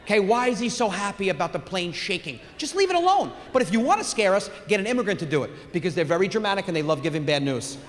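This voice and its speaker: A man's voice: sits high, big pitch swings, quick pace, few pauses, a little hiss or hum. A young man doing a brash, profane stand-up set on stage into a handheld mic. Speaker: stand-up comedian. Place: comedy stage in a theater. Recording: live hall reverb, faint crowd.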